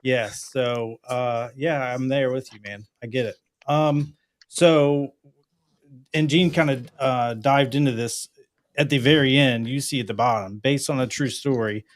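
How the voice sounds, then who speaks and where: A man's voice: medium pitch, measured pace. A man co-hosting a casual livestream. He talks enthusiastically and rambles, often restarting his sentences. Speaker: co-host.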